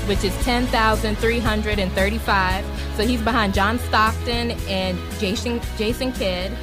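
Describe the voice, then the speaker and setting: Brisk female co-host reading sports stats. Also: on the high side. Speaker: radio co-host. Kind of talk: casual talk radio chat.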